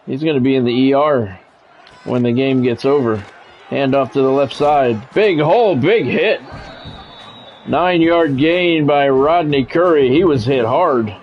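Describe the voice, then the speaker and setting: The speaker, a sports video game streamer and commentator, is a man with a medium-pitched, unhurried voice. Short, clipped play-by-play of a football video game mixes with his casual, dry, blunt comments. His dull, lo-fi mic carries faint noise.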